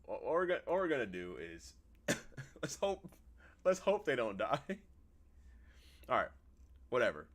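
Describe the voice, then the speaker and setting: A man reacts to a game in loose, slangy commentary, loud and expressive. His voice sits at a middling pitch but leaps up and down constantly. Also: a little slow, long pauses. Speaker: gaming streamer.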